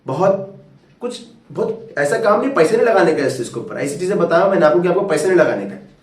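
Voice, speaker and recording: A man's voice: high voice, very animated, fast talker. A male tutor giving a coaxing, fatherly motivational talk to students, calling them "beta". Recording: roomy echo, far from mic.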